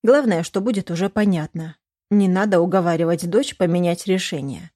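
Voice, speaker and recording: A woman narrating an audiobook in a steady reading voice, with the characters' dialogue read in that same voice. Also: on the low side, brisk, no echo, clean studio sound. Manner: reads all characters in the same voice. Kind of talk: scripted narration.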